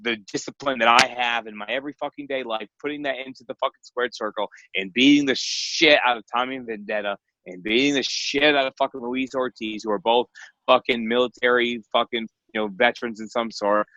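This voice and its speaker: A man's voice: mid-range voice, steady tone, a little fast, pushed and bright, no echo, lo-fi sound. A man, a professional wrestler guesting on a podcast, ranting and trash-talking in profane, rambling casual chat. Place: guest room at home.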